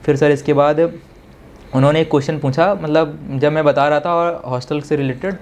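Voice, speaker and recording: A man's voice: a little high, normal speed. Young man retelling his interview. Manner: animated retelling that mixes Hindi with English phrases; keeps addressing the listener as "sir". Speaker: interviewee, successful defence exam candidate. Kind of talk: casual storytelling in an interview.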